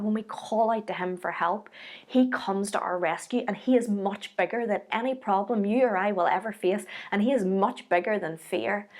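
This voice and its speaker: Earnest woman giving an encouraging sermon. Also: medium pitch. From Ireland. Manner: earnest, encouraging, conversational teaching. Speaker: speaker giving a devotional message. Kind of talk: short sermon.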